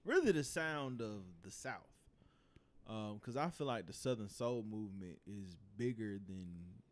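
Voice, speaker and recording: A Southern man from South Carolina, United States, hosts a casual livestream talk show podcast. His fairly low voice is expressive and unhurried. He's slangy, swears freely, and steers the discussion with questions.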